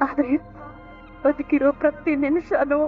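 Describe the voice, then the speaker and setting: A woman's voice: high-pitched, steady tone, measured pace. Grieving middle-aged mother. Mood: lamenting. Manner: anguished, lamenting speeches. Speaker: mother of a son accused of theft. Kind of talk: TV serial acting. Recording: tinny lo-fi TV audio with music.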